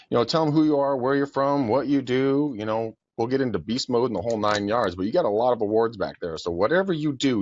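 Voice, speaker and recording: A man's voice: mid-range voice, muffled recording. A man hosting a casual live-stream interview over a video call. His audio keeps cutting out and glitching, and he talks loosely, repeating himself and calling his guest man and brother. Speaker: host.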